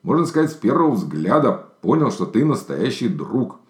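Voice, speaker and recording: A man voicing a gentle, earnest bear cub in a storybook, in an echoey room. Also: mid-range voice, sing-song, normal speed, voice pushed up, close to an everyday voice.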